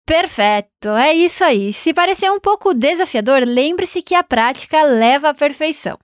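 A woman with a high voice teaching a recorded language lesson. She encourages the learner and slows down to model each sound for repetition. The recording is close and dry. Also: lively intonation, no echo. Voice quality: encouraging, models pronunciation slowly.

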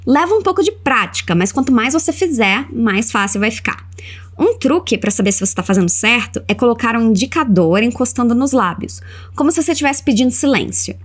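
A woman with a Brazilian accent teaching English in an audio lesson, saying model phrases slowly for the listener to repeat. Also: on the high side, expressive. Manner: slow, carefully spelled-out model phrases for repetition.

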